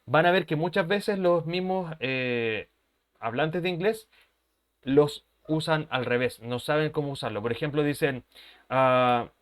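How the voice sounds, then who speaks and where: A man's voice: a little high, unhurried. A man, an English teacher who explains patiently, repeats his points and keeps checking that his students follow. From Chile. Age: 30s. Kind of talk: language lesson explanation.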